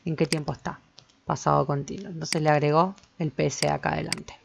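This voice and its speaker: A woman's voice: low-pitched, steady tone, brisk, gravelly, a little hiss or hum. A woman English teacher, patiently explaining grammar and checking in with her students again and again. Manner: patient, repeats points and checks with "¿sí?". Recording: slightly dull lo-fi recording.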